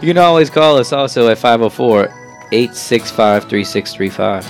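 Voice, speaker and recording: A man's voice: mid-range voice, lively intonation, normal speed, music in the background. A man co-hosting a casual radio show, bantering, teasing and reading things out in a joking way.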